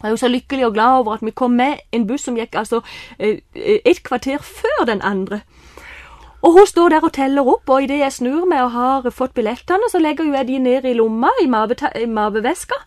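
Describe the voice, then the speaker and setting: A woman telling a lively personal story, excited bursts mixed with quieter asides. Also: high voice, no room sound, studio quality. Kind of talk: animated personal anecdote.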